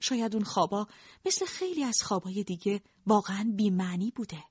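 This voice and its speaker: A woman's voice: mid-range voice, expressive, a little mellow, husky, no echo, muffled recording. Stubborn old clan chief, as a woman reads him. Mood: weary.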